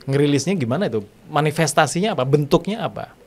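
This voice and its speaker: A man's voice: a little high, animated, quick pace, a little mellow. A man hosting a conversational interview, asking probing questions and murmuring along as he listens. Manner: inquisitive, frequent murmured backchannels. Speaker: host.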